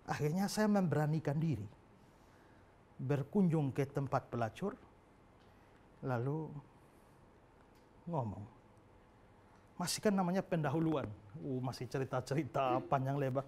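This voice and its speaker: A man's voice: fairly high pitch, animated, unhurried, long pauses, a little mellow. A male pastor preaching a sermon in a humorous storytelling manner.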